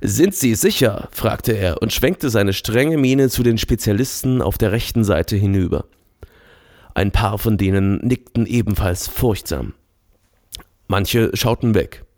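A man reading an audiobook as narrator, in a measured, even storytelling manner. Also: fairly low pitch, no room sound, studio quality. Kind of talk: scripted narration.

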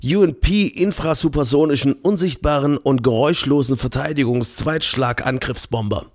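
A man's voice: medium pitch, moderate pace, pitched above the performer's own voice, natural voice. A man voicing an eager, scheming arms salesman in an audiobook, talking hastily and keenly. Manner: hasty and eager.

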